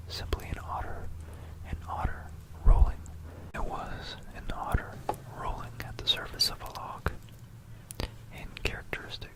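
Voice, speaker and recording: In a breathy whisper right up against a binaural microphone, a narrator meanders hesitantly through history, repeating phrases often. The audio is of poor quality.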